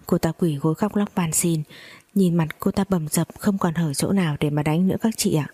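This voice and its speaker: A woman narrating a dramatic first-person family story in a steady reading voice with gossipy asides to listeners. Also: on the low side, fairly quick, breathy edge.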